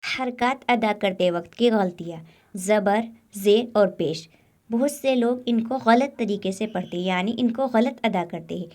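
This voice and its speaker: A woman, teaching a Quran recitation lesson step by step and sounding out syllables slowly. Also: medium pitch, a little mellow. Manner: slow, drawn-out demonstration of letter sounds.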